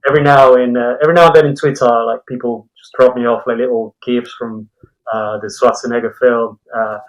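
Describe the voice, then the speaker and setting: A man's voice: mid-range voice, level tone, a little fast, lo-fi sound. A man from Colombia speaking through a mask as a podcast guest, chatting casually and telling anecdotes with small hedges. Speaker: podcast guest, tattoo and comic artist. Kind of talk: casual interview chat.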